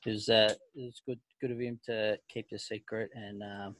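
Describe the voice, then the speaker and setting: A man's voice: lowish voice, little pitch movement, normal speed, dry recording. An Australian man hosting a casual club podcast, laid-back and calling people mate. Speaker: podcast host.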